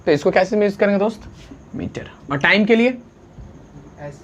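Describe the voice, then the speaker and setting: A man teaching a science lesson, constantly asking the class questions and answering them himself, urging students to write fast and mixing English unit names into his talk. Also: high-pitched, lively intonation, fairly bright tone. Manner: urges students to write quickly, calls them friend.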